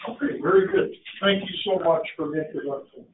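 A man's voice: high-pitched, huge pitch swings, brisk, echoey room, a little hiss or hum. A man presenting on a webinar, politely checking his connection while his audio keeps cutting out. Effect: choppy audio cutting out. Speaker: utility manager presenting on a webinar. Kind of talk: video-call presentation. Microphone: computer mic on a video call, too far away. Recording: muffled, distant video-call audio cutting out.

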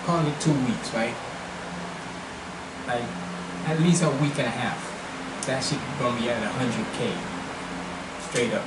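A man in his twenties casually chatting as a reaction video host, rambling and searching for words. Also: medium pitch. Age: 20s. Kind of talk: casual chat reaction commentary. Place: small home room, indoors. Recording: roomy, loud fan noise behind. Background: loud fan hum.

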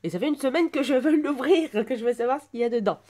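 A woman in her twenties chatting through an unboxing at home, gushing with soft exclamations. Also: high voice, lively intonation, fast talker, slightly rough. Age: 20s. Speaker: vlogger unboxing a birthday gift. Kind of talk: casual unboxing chat.

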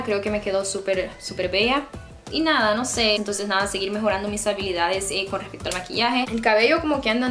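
In a small indoor room against a plain grey wall, a Honduran woman in her twenties chats playfully to camera for her YouTube vlog. Her mid-range voice is a bit bright, carries a Honduran Spanish accent, and sounds reverberant.

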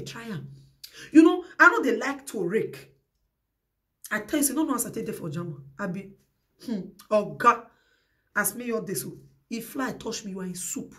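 A woman speaking Nigerian Pidgin English, ranting at her followers with a confrontational, threatening delivery and loud bursts. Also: medium pitch. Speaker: social media vlogger. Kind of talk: heated rant to followers.

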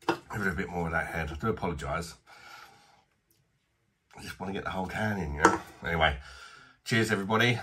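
A man's voice: deep voice, fairly bright tone, a little hiss or hum. A man in his thirties with a British accent, chatting bluntly and casually while reviewing a beer in a small home bar. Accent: British English. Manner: chatty, blunt, self-deprecating.

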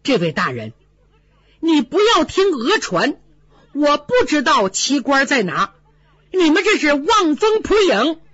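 A woman voicing a frightened young nobleman son who pleads and dodges in a high, nervous voice. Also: very animated, unhurried, fairly bright tone, dry recording, highs cut off, full character voice. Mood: evasive.

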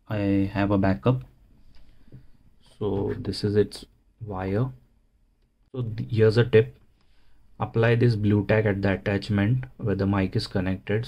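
A man giving a casual, unhurried how-to narration, explaining things plainly step by step. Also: on the low side, gravelly, mellow. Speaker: motovlogger, presenter.

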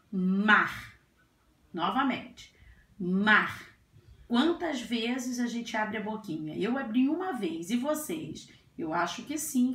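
A woman teacher going through a grammar worksheet for young children, speaking slowly and gently and drawing out each word. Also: fairly high pitch. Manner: slow, drawn-out, gentle teacher talk with diminutives. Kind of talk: slow grammar lesson for children. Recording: echoey room.

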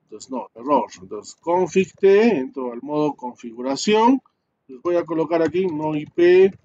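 A man's voice: on the high side, animated, normal speed, vocal fry, warm tone. Man teaching a networking lab, lo-fi. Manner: explains step by step, many fillers and tag questions. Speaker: networking instructor. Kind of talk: live screen-share class.

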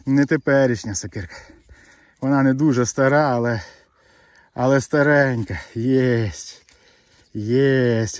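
A man's voice: mid-range voice, no echo. Chatty man filming a countryside dig. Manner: excited, chatty, addresses viewers as friends. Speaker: metal detecting vlogger. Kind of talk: casual outdoor commentary. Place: outdoors in the Carpathian countryside.

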